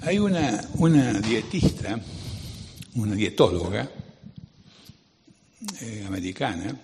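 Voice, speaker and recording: A man's voice: fairly low pitch, lively intonation, slow pace, heavy background noise. Male preacher, Rioplatense accent, chatty and digressive sermon, keeps checking in with tag questions, long hall reverb. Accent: Rioplatense Spanish. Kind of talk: conversational sermon.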